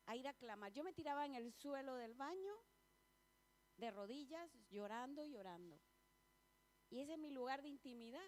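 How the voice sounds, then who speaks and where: A woman's voice: fairly high pitch, a little hiss or hum. A woman preaching a sermon in a church, chatty and personal, often asking the congregation questions and laughing between points.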